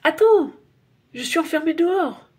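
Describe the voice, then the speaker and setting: Lady doing a little kid boy, excited n breathless, husky high voice, audiobook. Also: fairly quick.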